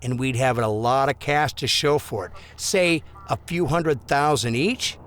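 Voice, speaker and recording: In this audio drama the corrupt, bullying small-town policeman and blackmailer is played smoothly by a man, insinuating and threatening under a mock-friendly surface. His mid-range voice is unhurried, fairly bright and close to everyday speech, with slight background noise.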